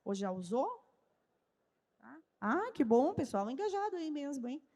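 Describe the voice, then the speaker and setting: This trade-fair speaker's voice is high and dark, swinging widely in pitch at a measured pace. In a large hall with a live audience, the woman, who has a southern Brazilian gaúcho accent, delivers an instructive talk built on questions she answers herself. A long hall reverb colors the recording.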